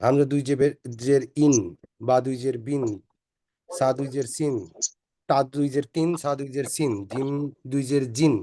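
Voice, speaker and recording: A man's voice: medium pitch, little pitch movement, normal speed, warm tone. A man student carefully reciting letter drills for his teacher over a call.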